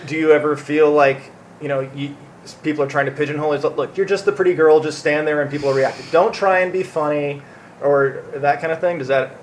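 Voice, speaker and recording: A man interviewing an actor, asking measured questions politely and apologizing before sensitive ones. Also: a little high, fairly even intonation, slight background noise.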